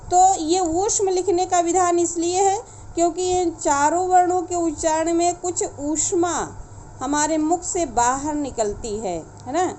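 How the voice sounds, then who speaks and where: A woman teacher explains letters to children in a high, unhurried voice. She checks in with her pupils as she goes, and a faint hiss of background noise sits under her speech. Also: darkish tone. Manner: slow, explanatory, checks in with "theek hai". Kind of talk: online Sanskrit lesson for children.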